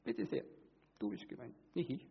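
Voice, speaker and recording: A man preaching a sermon, earnest, moving between hushed and emphatic delivery. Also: animated, normal speed, gravelly, slightly rough, dull audio. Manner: acts out quoted voices with sudden high pitch.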